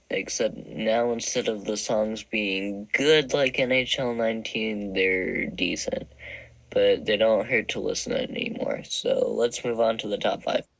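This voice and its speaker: Wry, rambling young man with a bright voice. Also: fairly low pitch, creaky, poor audio. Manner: wry, self-deprecating, rambling. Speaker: video creator ranking songs. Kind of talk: casual commentary.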